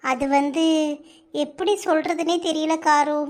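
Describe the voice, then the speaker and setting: A woman's voice: sits high, steady tone, unhurried. A woman with a Kanyakumari Tamil accent voicing a troubled young woman in a cartoon, speaking hesitantly. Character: young woman Thulasi, upset and evasive friend. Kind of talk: cartoon voice acting.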